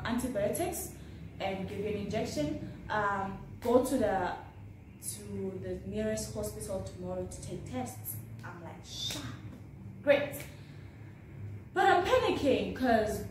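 Chatty young woman in an echoey room. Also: medium pitch. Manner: animated, chatty, acts out her own reactions. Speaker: vlogger. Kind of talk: storytime vlog. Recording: echoey room, mic at a distance, faint background noise.

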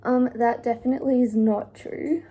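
A woman's voice: a little high, steady tone, normal speed, warm tone, highs cut off, slight background noise. A young woman chatting casually while cooking in her home kitchen, with lots of fillers. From Australia. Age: young adult. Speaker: vlogger. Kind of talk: casual cook-along chat. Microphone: phone camera on the counter.

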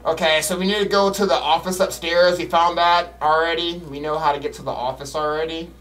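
Recorded poorly and far from the mic, a man talks a little fast with fairly even intonation while streaming a horror game. He complains bluntly in casual, profane slang, veering from low mutters to loud, high-pitched cries.

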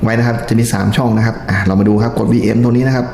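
A man's voice: medium pitch, fairly even intonation, rapid-fire, darkish tone. A man presenting a step-by-step tutorial in a polite, instructional manner. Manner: polite, instructional, frequent courtesy particles. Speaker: presenter of a radio how-to channel. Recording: echoey room, clear background noise.

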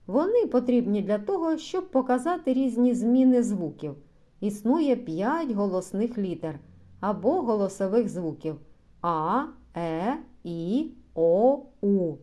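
A pedantic male philosophy teacher, read by a woman, lecturing slowly and carefully in a mellow, warm voice. His pitch rises and falls in lively sweeps as he explains. It has a storybook read-aloud feel.

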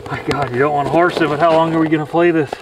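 A man's voice: a little high, steady tone, racing, distant mic, noisy background. A man hosting an outdoors video, talking on a frozen lake, exclaiming in disbelief and swearing as he lands a fish. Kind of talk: excited outdoor commentary.

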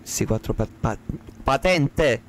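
A man's voice: medium pitch, expressive, takes it slowly, slight background noise. A man live-streaming a game, chatting with viewers in a playful, joking, slangy way, repeating himself, speaking close to the microphone. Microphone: close to the mic.

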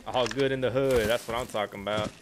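A man's voice: mid-range voice, fairly even intonation, quick pace, background noise. A man streaming a game, chatting casually with slangy, joking banter. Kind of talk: casual gaming chat.

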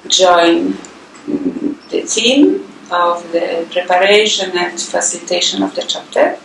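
An older woman with a Polish accent, a religious sister and facilitator, speaking carefully with pauses in a recorded video message. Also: medium pitch, slight background noise. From Poland. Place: sitting room with plant and map, indoors. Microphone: far camera. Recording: roomy audio from a distant camera.

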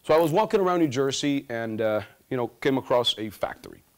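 Man, 30s, lively storytelling speaker on stage, pitch moves a lot. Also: fast. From Guatemala. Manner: animated, gesturing, humorous storytelling. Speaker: student speaker. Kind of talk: stage talk. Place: large auditorium stage.

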